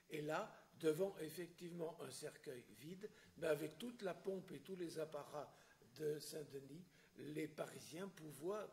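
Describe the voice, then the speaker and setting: Hesitant French lecturer, a man with higher pitch. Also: darkish tone. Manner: hesitant, many filler sounds and restarts. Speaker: historian lecturer. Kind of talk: public lecture with questions.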